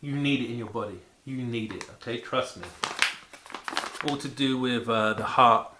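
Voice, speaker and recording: Man, mid-pitched voice, casual animated food chat, repeats words for emphasis, faint background noise. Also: moderate pace, reverberant. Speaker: vlogger presenting food to camera.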